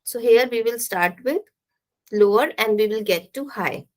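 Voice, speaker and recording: A woman teaching an English pronunciation lesson, repeating example sentences with deliberate, exaggerated stress. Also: on the high side.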